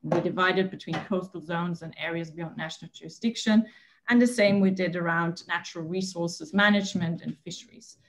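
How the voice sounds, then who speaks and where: Woman presenting at a conference panel. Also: fairly low pitch. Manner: hurried, with frequent fillers and restarts.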